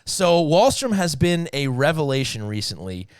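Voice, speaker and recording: Co-host, New York man, lively and upbeat, fairly high voice, dry close mic. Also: moderate pace, clear, resonant tone, no echo. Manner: animated, laughs often, answers his own questions. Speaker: podcast co-host. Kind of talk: excited hockey talk show chat.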